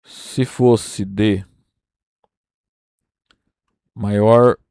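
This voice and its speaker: A man's voice: lowish voice, fairly even intonation, very slow, creaky, dark tone, smooth, no echo, clean studio sound. A Brazilian man teaching a university math class, working through a proof step by step and checking in with his students. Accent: Brazilian Portuguese.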